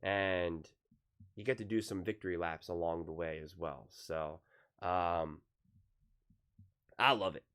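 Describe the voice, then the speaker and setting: A man giving his opinions on football in a solo vlog, excitable and rambling, often repeating himself and restarting his sentences. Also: sits low, takes it slowly, pauses often, clear, resonant tone. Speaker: sports commentary YouTuber.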